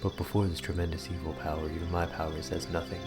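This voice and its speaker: A man's voice: low voice, flat delivery, loud music behind the voice, lightly acted. A man doing a grave ancient tree spirit. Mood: solemn. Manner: slow, archaic, grave.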